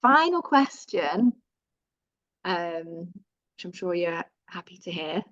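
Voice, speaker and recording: Northern english woman talking through survey results on a webinar, low voice, muffled dry audio. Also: sing-song, slow pace, fairly bright tone, dry recording. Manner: reads out figures, with fillers and self-corrections. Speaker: presenter of survey findings. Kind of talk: webinar presentation.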